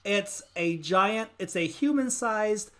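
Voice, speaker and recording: A woman's voice: medium pitch, lively intonation, slow pace. A woman narrating as game master in a live tabletop game, chatty and giggly, rambling with restarts.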